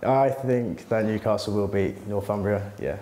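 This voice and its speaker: A man's voice: fairly low pitch, moderate pace, dark tone, reverberant, faint music behind. A young male student from southern England, chatting in an interview in a competitive, easygoing way. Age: young adult. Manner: chatty, competitive, laughs easily. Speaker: university student. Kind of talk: casual interview.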